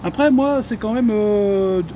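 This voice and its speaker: A man's voice: sits high, a little slow, mellow, slight background noise. A man, hosting and casually explaining electric cars to a colleague, chatty with many fillers. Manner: chatty, many fillers, asks viewers questions.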